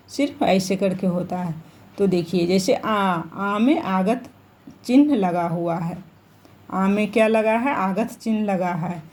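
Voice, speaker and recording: A woman's voice: mid-range voice, warm tone. A woman teaching a grammar lesson to children, repeating each point and asking them questions as she goes. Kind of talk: online Hindi grammar lesson.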